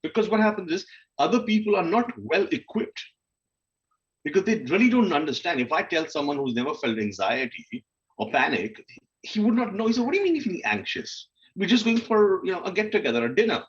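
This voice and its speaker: His voice is high-pitched with big swings in pitch, moving fairly quickly over lo-fi sound. This man is a panel guest in a candid, conversational discussion of personal experience, speaking informally while he questions himself and dramatizes his inner dialogue.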